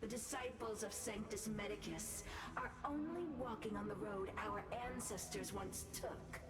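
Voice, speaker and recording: A woman's voice: mid-range voice, unhurried, close to an everyday voice. An actress playing a fanatical, proudly defiant female alchemist in a video game, speaking in a grandiose, formal, oratorical way. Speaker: villain. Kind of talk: scripted video game dialogue. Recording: echoing, loud game music underneath.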